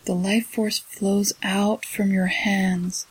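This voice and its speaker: A meditation guide speaking in a soft, soothing spa-like whisper, leading a guided relaxation. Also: medium pitch, level tone, slow, husky, rough recording.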